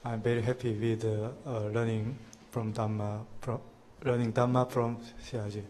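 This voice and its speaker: A man's voice: mid-range voice, level tone, normal speed, darkish tone, slight background noise. A man from South Korea, a course participant, giving hesitant feedback with many fillers.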